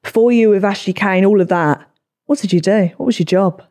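A woman's voice: mid-range voice, fairly quick, warm tone. A woman hosting a podcast in a casual, playful chat, with a jokey, cheeky, sweary way of talking. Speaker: podcast host.

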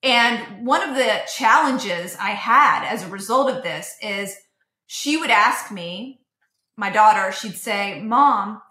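A woman's voice: medium pitch, expressive, slow pace, bright, forceful tone, echoey room. A woman in her thirties, a podcast guest telling a family story in casual chat and acting out the dialogue she quotes.

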